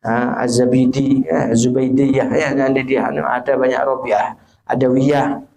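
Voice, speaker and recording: A man's voice: mid-range voice, little pitch movement, unhurried, gravelly, darkish tone, low-quality recording. A man with an East Javanese accent preaching a religious sermon. He mixes in Javanese phrases, recites Arabic quotations and asks his listeners rhetorical questions.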